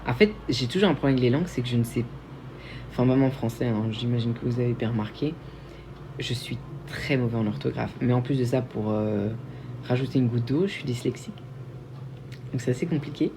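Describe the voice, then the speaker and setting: A man's voice: medium pitch, fairly quick, background noise. A young man from Belgium, hosting a casual livestream and answering viewer questions in a chatty, self-mocking way with frequent restarts. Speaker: livestream host.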